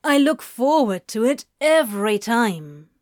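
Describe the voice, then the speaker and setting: A woman's voice: a little high, big pitch swings, measured pace, no echo, studio quality. A woman voicing a flustered, guarded male demon who talks in a blunt, clipped, offhand way. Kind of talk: fan audiobook reading.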